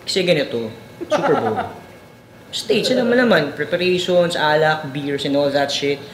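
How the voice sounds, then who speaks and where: A co-host with a Filipino accent telling stories in casual Taglish, deadpan and swearing offhandedly. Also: medium pitch, normal speed, crowd noise. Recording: echoey room with noise.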